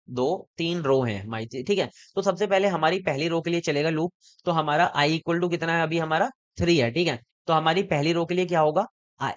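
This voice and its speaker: A man's voice: a little high, dry recording, lo-fi sound. Man tutoring code, asking himself questions. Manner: steps through code aloud, asking and answering his own questions; often checks in with "theek hai". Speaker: programming tutor. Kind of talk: exam-prep coding lesson.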